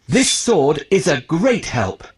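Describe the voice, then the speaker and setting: Slow and sing-song, a man's higher-than-average voice brings a determined, sincere young prince to life in scripted children's storybook acting, each declarative line clearly and carefully pronounced.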